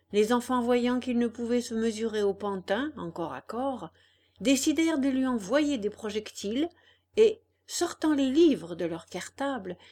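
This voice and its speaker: A woman narrating a children's story aloud, expressive and gentle, turning to the listeners now and then. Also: a little high. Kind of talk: storybook audiobook reading.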